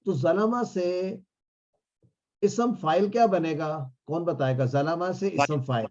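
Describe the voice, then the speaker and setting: A man teaching a class, drilling phrases slowly and quizzing his students. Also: fairly high pitch, a little mellow, dull audio. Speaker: Arabic teacher.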